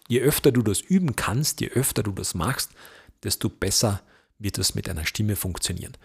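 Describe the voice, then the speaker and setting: A man teaching voice technique as an event host, in an emphatic way, slowing down to stress key points. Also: medium pitch, gravelly, slightly rough. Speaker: event host and speaking coach. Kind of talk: instructional talk on voice technique.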